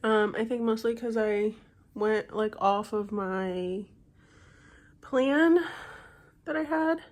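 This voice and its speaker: A young woman chats to her camera in a loose, rambling vlog, pausing on fillers and correcting herself as she goes. Her voice sounds stuffy and congested, and she sits at a middling pitch for a woman. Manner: rambling, chatty, many fillers and self-corrections. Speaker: vlogger. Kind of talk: casual chat.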